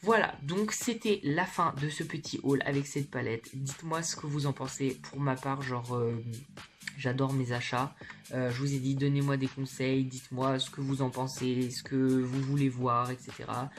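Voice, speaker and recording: A woman's voice: a bass voice, steady tone, normal speed. Casual French-speaking woman vlogging with music behind. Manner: informal, slangy, candid. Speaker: beauty vlogger. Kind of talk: casual makeup haul chat to viewers. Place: bedroom.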